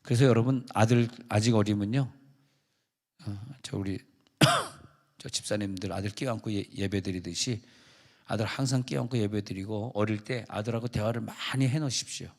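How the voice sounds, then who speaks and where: A man's voice: lowish voice, moderate pace, in a large hall. A male pastor giving a conversational, joking sermon to his congregation. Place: large church sanctuary.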